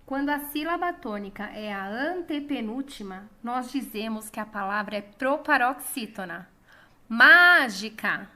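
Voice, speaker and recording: A woman with a Brazilian Portuguese accent teaching a lesson, calling out words slowly and drawing out the stressed syllable. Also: fairly high pitch, animated, fairly bright tone. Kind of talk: slow, clear classroom lesson.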